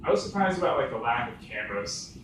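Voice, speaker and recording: A male stand-up comedian at an open mic rambles through a story, leaning on "like" and "uh" at every turn. His mid-pitched voice is picked up from well back in a very echoey room. Faint ambience sits behind him. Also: sing-song, fast talker, far from the mic, background noise. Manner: rambling, filler-heavy storytelling with many "like"s. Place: echoing open mic venue.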